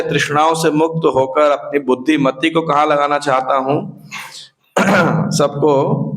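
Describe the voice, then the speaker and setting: A man's voice: fairly high pitch, rough recording. Man teaching a scripture class. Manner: questions the class, mixes in English, chants verses slowly.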